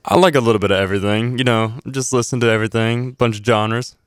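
A man's voice: medium pitch, fairly even intonation, fast, clean tone. A young American man, a radio show intern, chatting casually on air. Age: young adult.

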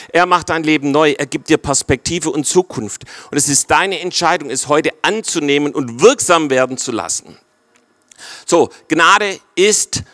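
A man in his forties with a Swabian accent, preaching a sermon in a lively way and often checking in with the congregation. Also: on the high side, no echo. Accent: Swabian German. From Swabia, Germany.

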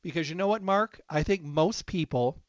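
A man's voice: fairly high pitch, moderate pace, no room sound. A man hosting an interview, speaking in an enthusiastic, earnest way. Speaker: interview host. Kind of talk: casual interview talk. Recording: dry, slightly dull sound.

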